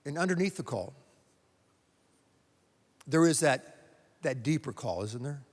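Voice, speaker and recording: A man from North Carolina preaches a sermon in a steady mid-range voice. He leans on repetition and drops into pauses to let key words land. The sound carries the long, lingering reverb of a church sanctuary. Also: mid-range voice. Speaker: pastor.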